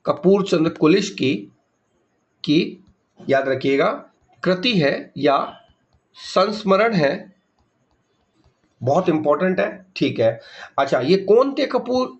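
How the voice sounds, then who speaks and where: This MCQ exam revision lecture comes from a man with a high-pitched voice whose upper frequencies are cut off. Asking and then answering his own questions, he goes over key facts repeatedly and slips English words in as he explains.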